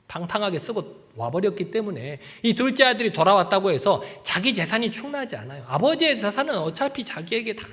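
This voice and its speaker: A man preaching a sermon as pastor, acting out quoted voices and sometimes dropping to a soft near-whisper. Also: high voice. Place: church sanctuary. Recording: church hall with long reverb.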